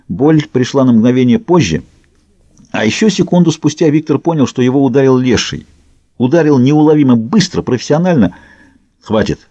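Man narrating an audiobook, dark voice. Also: medium pitch, no echo. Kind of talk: scripted narration. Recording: dull lo-fi dry audio.

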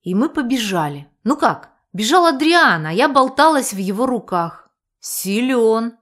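A woman narrating a first-person audiobook in a lively, wry, conversational way. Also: on the high side, a little slow.

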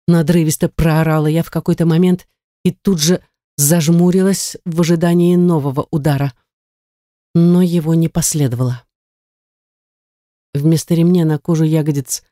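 Mellow, measured audiobook narrator. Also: medium pitch, no room sound, clean studio sound. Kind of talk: scripted first-person narration.

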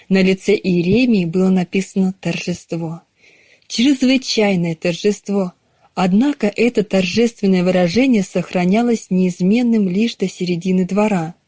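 A woman narrating a novel in a measured, even storytelling manner. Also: mid-range voice, dry recording. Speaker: audiobook narrator. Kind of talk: scripted narration.

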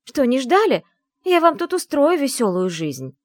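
A woman's voice: a little high, animated, brisk, darkish tone, no echo, pitched above the performer's own voice, natural voice. A woman voicing a young noble lady in a storybook, pleading and defiant by turns.

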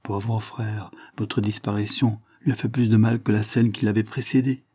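A man voicing a gentle, earnest young woman pleading with her cousin in a storybook reading. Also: lowish voice, little pitch movement, normal speed, slightly rough, no room sound, studio quality. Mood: pleading tender. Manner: pleading, impassioned.

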